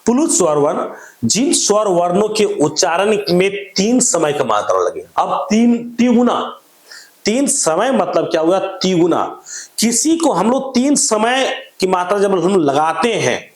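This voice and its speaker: Lively man teaching, asking and answering himself. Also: sits high, unhurried. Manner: asks rhetorical questions and answers them himself, repeating points. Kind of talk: classroom-style grammar lesson. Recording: echoey room.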